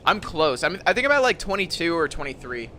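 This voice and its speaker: A man doing casual video game commentary in a bright voice with very lively pitch swings. He talks informally and swears freely, over a faint layer of background noise. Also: brisk. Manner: casual, profane.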